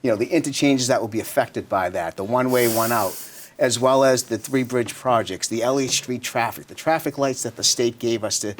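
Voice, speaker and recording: A man's voice: medium pitch, fairly quick, a little hiss or hum. A man speaking as a local politician being interviewed, informal and conversational with frequent filler phrases. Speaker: city councilor running for state representative, interview guest.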